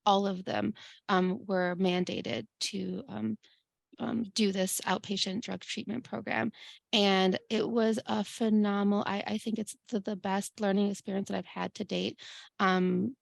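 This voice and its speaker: Gravelly middle-aged woman speaker. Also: mid-range voice, level tone, unhurried, no echo. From Chicago, USA. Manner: many fillers and restarts, says "like" often. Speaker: epidemiologist and guest speaker. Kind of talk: personal story told to a community group.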